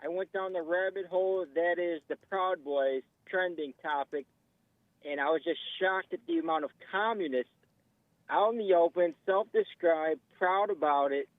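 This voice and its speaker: A man from the Chicago area calling in to a radio show, thin and bassless through the phone, talking bluntly and swearing freely. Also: normal speed, dry recording. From Chicago area, USA. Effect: thin phone voice with no bass. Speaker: caller. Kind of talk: call-in radio chat. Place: in a car, then on a handset. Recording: tinny phone line, dry.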